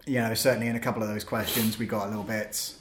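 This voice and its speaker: A man co-hosting a casual podcast discussion, haltingly rephrasing as he thinks aloud. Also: fairly low pitch, level tone, slight background noise. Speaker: podcast co-host. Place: studio. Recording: roomy, echoing studio sound.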